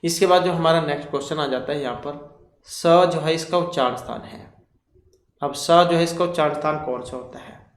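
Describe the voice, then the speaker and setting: A man leads an exam-prep grammar lesson, working through each question in careful steps and rattling off long lists of terms. His voice sits a little high. The room around him rings with echo. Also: normal speed. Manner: explains step by step, lists terms in runs. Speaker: teacher.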